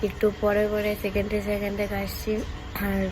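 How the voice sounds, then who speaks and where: A young woman from India chatting casually in a vlog, her voice hoarse and nearly gone from a cold, tired and subdued. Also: mid-range voice, completely flat delivery, moderate pace, background noise. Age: young adult. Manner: tired, subdued sick-day talk. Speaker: vlogger.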